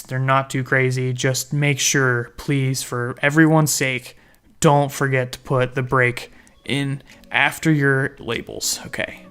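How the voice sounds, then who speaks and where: A man's voice: fairly high pitch, fairly bright tone, smooth. Man, coding instructor, casual tutorial, joking asides, self-correcting. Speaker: programming instructor.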